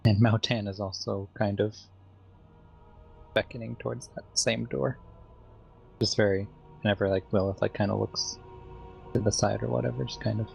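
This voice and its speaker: Gravelly low-voiced male player. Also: steady tone, moderate pace, pauses often, a little mellow, faint music behind. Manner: hesitant, self-deprecating. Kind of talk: tabletop game play.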